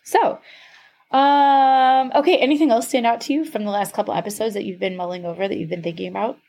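A woman's voice: a little high, steady tone, brisk, gravelly, warm tone. A woman co-hosting a podcast in casual chat, rambling with fillers, swearing and laughing often. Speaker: podcast co-host.

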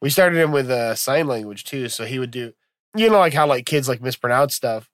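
A man's voice: medium pitch, animated, fairly quick, a bit bright, no echo, clean studio sound. Chatty, teasing male podcast co-host. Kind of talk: casual podcast chat.

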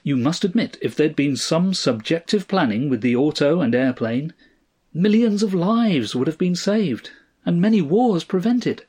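A man's voice: a little high, expressive, a little slow, dark tone, breathy edge, pitched above the performer's own voice. A man voicing a weary older male official who lectures earnestly.

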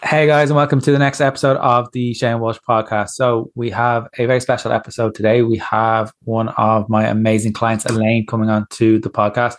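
A man's voice: mid-range voice, flat delivery, fairly quick, few pauses. A man hosting a fitness podcast, speaking earnestly as a coach introducing his programme and guests.

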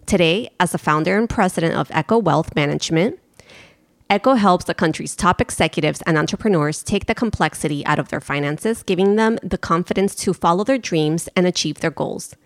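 A woman's voice: lowish voice, a little fast, no echo, clean studio sound. A woman co-hosting a podcast who reads guest introductions and chats lightly. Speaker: podcast co-host. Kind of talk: casual chat, read introductions.

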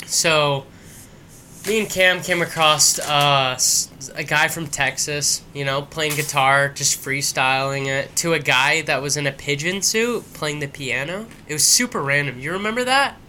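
A man's voice: on the high side, a little slow, pushed and bright, a little hiss or hum. A tipsy man co-hosting a casual podcast, laid-back and agreeable, with lots of fillers. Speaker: podcast co-host. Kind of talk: casual chat.

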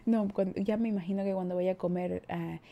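A woman's voice: lowish voice, steady tone, a little fast, creaky, muffled recording. A young woman in her twenties with an Ecuadorian Spanish accent, chatting casually as a podcast host, reading listener comments and laughing often at herself. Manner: giggly, self-mocking, laughs often.

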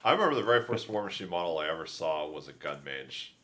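A man's voice: low-pitched, quick pace. A middle-aged man co-hosting a casual podcast chat, enthusiastic and laughing often. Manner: animated, laughs often, enthusiastic about game lore. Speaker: podcast co-host.

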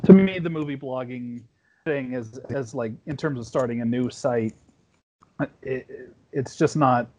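A podcast guest, a man of about forty, chats casually from home at night in a medium-pitched, dark-toned voice at a slightly slow pace. He rambles in an easygoing way, frequently restarting and using fillers.

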